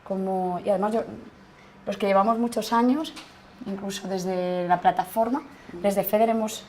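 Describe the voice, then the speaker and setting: A woman leading a training workshop, talking in a reflective, halting way with frequent restarts. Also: medium pitch, fairly even intonation, a little mellow, a little hiss or hum. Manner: hesitant, restarts often, reflective. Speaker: workshop facilitator. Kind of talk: informal workshop talk. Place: meeting room.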